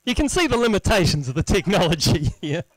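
A man presenting an informal live technical demo, halting as he thinks aloud, with wry, self-deprecating humour. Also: high-pitched, big pitch swings, dry recording, rough recording. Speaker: presenter at a tech meetup. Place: indoor lecture room, presenting at a screen. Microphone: handheld microphone.

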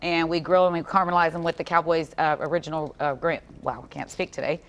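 She's a barbecue vendor with a drawl, bantering on a live TV segment in a lowish, easygoing voice. Her talk is sassy and joking as she pushes food on the hosts. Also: flat delivery, fast talker. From Texas. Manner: sassy, playful, talks with her hands in the food. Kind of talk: casual chat on live TV. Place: outdoors at a festival food stand.

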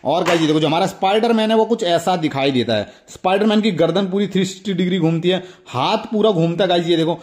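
Speaking fast with few breaks, the Indian toy channel host has a high yet darkish-toned voice. He enthusiastically presents items during an excited unboxing, turning to his viewers again and again.

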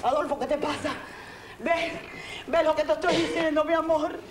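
A high-voiced Cuban woman, intense and desperate, begging and cursing as she foresees a death. Her voice sits well above most women's. Steady background noise hisses under the film audio. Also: moderate pace, echoey room. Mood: pleading, scolding. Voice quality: emotional, pleading, swearing often. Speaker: actress. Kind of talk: film drama acting.

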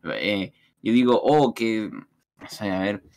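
A man's voice: lowish voice, sing-song, slow pace, creaky, darkish tone. A man from Chile with a Chilean Spanish accent, a guest in a casual chat who explains things thoughtfully. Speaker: guest streamer.

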